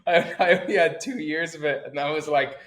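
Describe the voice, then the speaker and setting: A man's voice: fairly high pitch, normal speed, a bit bright. A man, a fitness coach chatting as a podcast guest, self-mocking, rambling, laughing often. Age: 20s. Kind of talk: casual chat. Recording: roomy echoey room.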